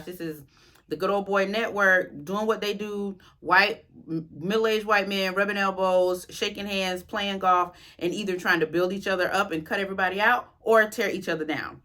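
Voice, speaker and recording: A woman from the US South, reviewing a series as an author in a chatty, expressive way with slangy asides. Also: lowish voice. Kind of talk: casual spoken review.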